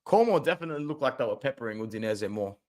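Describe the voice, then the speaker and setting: A young man hosting a casual football fan stream, chatting and reacting aloud to match highlights, with loud outbursts and low muttered asides. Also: expressive, racing. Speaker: football fan channel host. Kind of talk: casual live-stream commentary.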